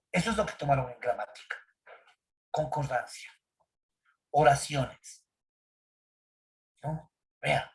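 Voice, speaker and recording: Speaking into a computer mic, a male teacher from Ecuador runs an online grammar lesson. His voice is a little high for a man, and he keeps checking in with students and firing questions at them.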